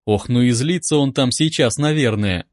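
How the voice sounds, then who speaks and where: Calm man reading a first-person audiobook. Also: mid-range voice, normal speed, dry recording, studio quality. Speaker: audiobook narrator.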